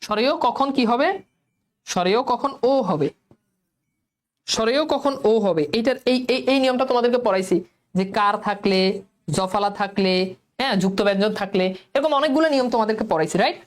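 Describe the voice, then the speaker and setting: A woman's voice: on the high side, lively intonation. A coaxing Bangladeshi woman teacher. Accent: Bangladeshi Bengali, colloquial. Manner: coaxing, quizzes students, repeats words slowly. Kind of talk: online class lesson.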